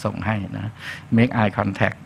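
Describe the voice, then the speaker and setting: A middle-aged man with a Thai accent, a physician giving a relaxed faculty lecture, hesitating often and dropping in English medical terms. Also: fairly low pitch, extremely slow, creaky, a little hiss or hum.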